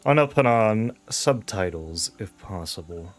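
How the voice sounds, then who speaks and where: A man's voice: lowish voice, expressive, slow pace. A man giving casual game commentary, easygoing and thinking aloud as he plays. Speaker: game streamer.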